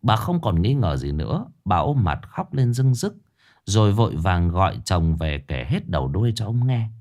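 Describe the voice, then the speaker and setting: A man narrates a ghost story dramatically and expressively, in a lowish voice at a moderate pace.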